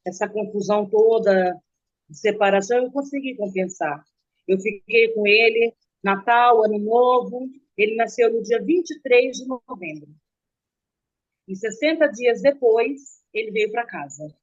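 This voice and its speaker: A middle-aged woman telling a painful personal story in an interview, slow and earnest, often stopping and repeating words. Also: a little high. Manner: halting, with restarts and repeated words. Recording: dull, muffled recording.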